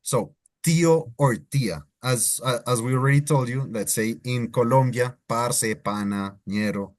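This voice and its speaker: Latin American man teaching slang slowly. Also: medium pitch. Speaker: Spanish teacher. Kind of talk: live online lesson.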